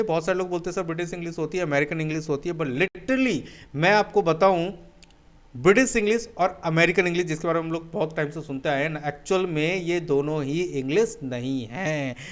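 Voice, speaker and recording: A man with an Indian accent runs a spoken English webinar in a brisk voice on the high side. He mixes English and Hindi, asks questions only to answer them himself, and frequently says "my dear friend."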